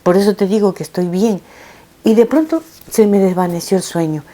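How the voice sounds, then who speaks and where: A middle-aged woman, a mother, telling her viewers a painful personal story in an emotional, halting way, with frequent restarts. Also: medium pitch, mellow. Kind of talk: personal testimony told to viewers.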